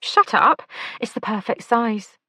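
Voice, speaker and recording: A woman's voice: on the high side, expressive, unhurried, sharp tone, breathy edge, no echo, voice pushed up, full character voice. A woman voicing a flamboyant, playful young male pastry chef in an audiobook. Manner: playful, camp, teasing.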